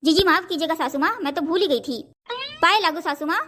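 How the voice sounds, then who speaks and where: A woman's voice: very high-pitched, brisk, bright, forceful tone. A woman voicing a nervous, flustered middle-aged mother-in-law in a cartoon. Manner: nervous, deferential to elder, bossy to younger. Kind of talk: cartoon voice acting.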